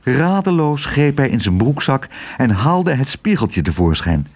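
A man reads a children's story aloud, his pitch rising and falling across a very wide range. The delivery is expressive and carefully paced. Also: a little slow, breathy edge. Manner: expressive, varied intonation. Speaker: audiobook reader. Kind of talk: storybook narration.

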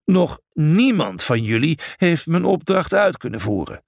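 A man voicing a jovial, mighty male hero with a booming laugh, teasing and hearty, in an audiobook. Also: very animated, unhurried, creaky, dry recording, studio quality, exaggerated voice. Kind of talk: audiobook character voice.

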